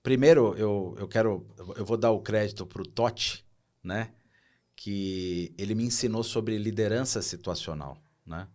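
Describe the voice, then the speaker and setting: A man's voice: fairly low pitch, measured pace. A middle-aged man, a podcast guest, telling a story with feeling and acting out the people in it. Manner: lively storyteller who acts out quoted dialogue. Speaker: guest, operations director.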